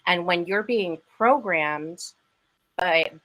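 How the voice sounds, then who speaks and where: A woman's voice: on the low side, slow pace, a bit bright, poor audio. A woman hosting a live podcast, chatting enthusiastically with her guest. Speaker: podcast host. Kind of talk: casual live-stream interview.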